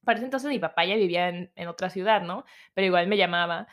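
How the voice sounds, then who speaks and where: A woman's voice: on the low side, fast talker. A young woman with a Mexican accent, telling a personal story in casual, chatty storytelling. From Guadalajara, Mexico. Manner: chatty, animated, acts out quoted voices.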